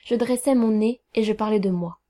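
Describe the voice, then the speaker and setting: A woman reading a satirical tale aloud in a brisk, ironic storytelling manner. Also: mid-range voice, mellow. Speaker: reader.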